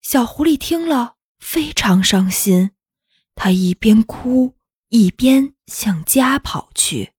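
A woman narrating a children's story in a gentle, unhurried, expressive reading. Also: fairly high pitch, husky, dry recording, clean studio sound.

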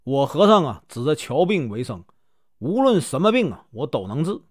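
Man playing a cheeky monk, teasing and playful, bouncy pitch. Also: very animated, moderate pace, husky, no room sound, studio quality. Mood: sly. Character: mischievous wandering male monk, teasing.

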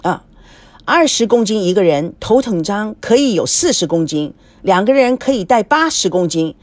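A woman's voice: big pitch swings, normal speed, dry recording, close to an everyday voice. A woman voicing a nosy, show-off young man who butts in and chatters eagerly. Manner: eager, chattering, high-pitched.

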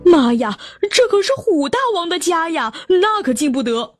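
A woman's voice: extremely high pitch, animated, takes it slowly, full character voice. Woman doing a greedy big bad wolf. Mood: scared. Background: children's music.

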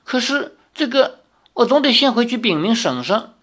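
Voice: mid-range voice, sing-song, moderate pace, fairly bright tone, pitched above the performer's own voice. A reader putting on a flustered young hero. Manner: hesitant, stammering.

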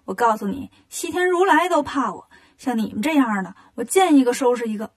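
A woman's voice: fairly high pitch, expressive, a little fast, husky. A woman doing a coaxing female demon. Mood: taunting. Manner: coaxing, teasing. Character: scheming, flirtatious female demon in a cave.

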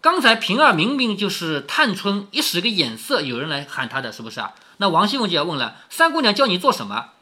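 A man's voice: high voice, brisk, hardly any pauses. A man retelling a classic novel as a storyteller, mixing the reading with chatty commentary and rhetorical questions to the listener. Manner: animated, shifts between reading and chatty explaining.

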